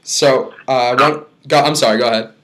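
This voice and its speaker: Mid-pitched podcast host man. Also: steady tone, a bit bright. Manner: friendly, slightly halting, with "uh" fillers. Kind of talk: interview questions and casual chat.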